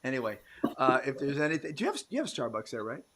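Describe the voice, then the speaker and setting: An American man hosting a casual live-stream interview show, rambling with many fillers and sudden swings in loudness. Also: mid-range voice, big pitch swings, fast talker, slight background noise. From United States. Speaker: show host.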